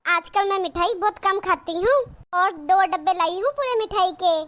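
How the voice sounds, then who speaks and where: A woman voicing a chatty young married sister in a cartoon, with a very high, bright voice. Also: moderate pace. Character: cheerful young married sister visiting her brother. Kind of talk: cartoon voice acting.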